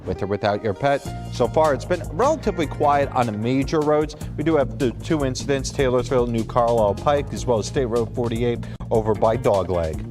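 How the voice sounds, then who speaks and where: A man's voice: mid-range voice, brisk, over music. Chatty man giving a morning TV weather report. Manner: loose, chatty, with frequent fillers. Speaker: TV meteorologist and co-anchor. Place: TV news studio.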